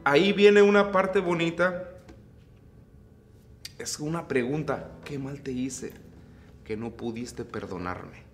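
A man with a Mexican accent, a mariachi singer teaching vocal technique in an unhurried, relaxed way. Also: medium pitch. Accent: Mexican Spanish. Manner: unhurried, explains phrasing, breaks into singing. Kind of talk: relaxed vocal tutorial with sung demonstrations.

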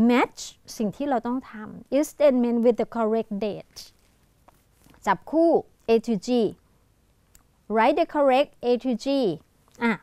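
A woman's voice: fairly high pitch, darkish tone, no room sound. A woman with a Thai accent, teaching an English exam-prep lesson and thinking aloud as she mixes Thai with English words.

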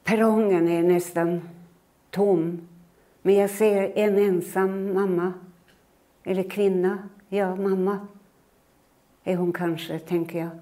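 Mellow-voiced older woman telling her story. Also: medium pitch, steady tone. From Finland. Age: 80s. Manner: measured, reflective storytelling that acts out her own remembered words. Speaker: lecturer. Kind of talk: personal storytelling lecture.

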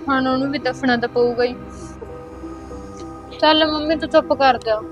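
A woman's voice: sits high, steady tone, lo-fi sound, music in the background, lightly acted. Woman playing a hesitant young sister. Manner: hesitant, halting, consoling. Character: young woman Jyoti breaking bad news. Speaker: sister, daughter.

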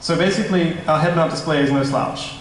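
A young man talks a meetup crowd through his product in a casual, slightly nervous way, often correcting himself mid-sentence. His voice sits a little high for a man. The sound is distant and washed in heavy hall echo, with faint room noise behind. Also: brisk. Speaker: tech startup presenter. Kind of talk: conference presentation. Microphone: stand mic at a distance. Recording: echoey hall, mic at a distance.

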